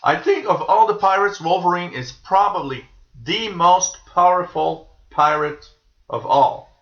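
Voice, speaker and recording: Male radio-tuning host, slightly high bright voice, casual musing commentary, roomy dull recording. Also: a little slow. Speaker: host of a live shortwave radio tuning stream. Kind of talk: casual live commentary, reading out listener signal reports. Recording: dull, echoey room sound.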